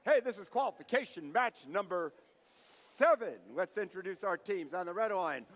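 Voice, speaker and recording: A man's voice: high-pitched, expressive, normal speed, a bit bright. A man announcing a live event as master of ceremonies, introducing teams in a showy, stretched-out way. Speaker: master of ceremonies at a robotics competition.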